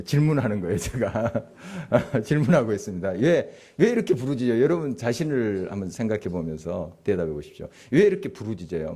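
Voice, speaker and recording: A man's voice: on the low side, warm tone, husky. A male pastor giving a conversational sermon, asking the congregation questions and chuckling as he speaks. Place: church sanctuary.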